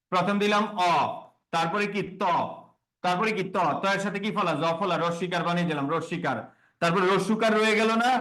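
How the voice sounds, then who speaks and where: A man's voice: high voice, fairly bright tone, low-quality recording. A man teaching a classroom grammar lesson, quizzing students and repeating key words. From Bangladesh.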